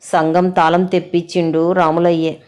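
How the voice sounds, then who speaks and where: A woman narrating a village story in a steady, plain way, with a Telangana Telugu accent. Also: lowish voice, normal speed.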